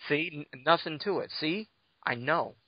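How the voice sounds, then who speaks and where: A man hosts a podcast, chatting casually and trading crude, teasing banter. His slightly high voice is animated and at normal speed, captured on a dull, lo-fi, dry podcast mic with no echo.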